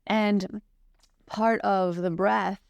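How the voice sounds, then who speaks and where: A woman's voice: mid-range voice, fairly even intonation, drawn-out words, vocal fry, dry recording. A woman guest on a podcast, earnestly telling a personal story with lots of "like" and "you know". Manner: earnest, searching, heavy use of "like" and "you know".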